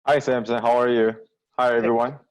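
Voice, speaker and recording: A man's voice: medium pitch, flat delivery, brisk. A man from Taiwan in commercial real estate, giving a plain, to-the-point introduction on a webinar. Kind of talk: brief self-introduction on a webinar. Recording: dull lo-fi video call audio.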